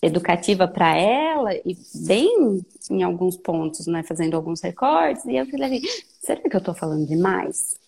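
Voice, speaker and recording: A woman in her thirties speaking gently and thoughtfully in a reflective conversation, with many soft fillers. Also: lowish voice, sing-song, normal speed, creaky, breathy edge.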